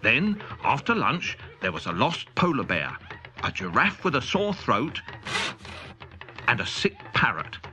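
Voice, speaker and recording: With wild pitch swoops from a medium-pitched voice, a man narrates a children's audiobook at an unhurried pace, sounding playful, comic and spirited. Some background noise is audible behind this scripted storytelling.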